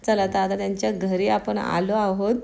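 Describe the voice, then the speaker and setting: A woman from Maharashtra narrating a casual vlog in a hoarse voice that is giving out, chatting straight to her viewers. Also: mid-range voice, little pitch movement, moderate pace, a little mellow. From Maharashtra, India. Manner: chatty, addresses viewers directly. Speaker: vlogger.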